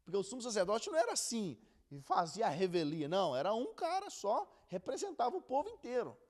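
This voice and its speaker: Animated man teaching Bible. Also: high-pitched, brisk. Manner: chatty and animated, acts out quotes with laughter. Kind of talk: casual Bible lesson.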